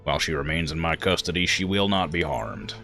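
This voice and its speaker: A man voicing a stern, vengeful lord in a video game, formal and measured in speech. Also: a bass voice, lively intonation, creaky, bright, forceful tone, soft background music, voice pushed down, exaggerated voice. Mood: grave, grateful. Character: stern, vengeful nobleman, grave and courtly. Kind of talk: reading game dialogue aloud.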